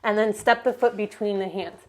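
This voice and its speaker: A woman's voice: medium pitch, fairly even intonation, a little fast. Woman leading a yoga flow, easygoing, talks you through each breath. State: slightly out of breath at times. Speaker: yoga teacher. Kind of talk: guided yoga class instruction.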